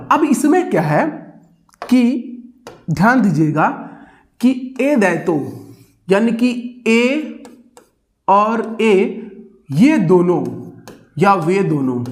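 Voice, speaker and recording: High-voiced man teaching in an energetic lecture. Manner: energetic, repeats chants for students to follow. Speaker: exam coaching teacher. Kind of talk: classroom lecture.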